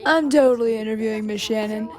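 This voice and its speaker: A woman voicing a casual, slangy, admiring school-age kid in an animated film. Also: fairly high pitch, quick pace, lightly acted. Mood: keen, casual.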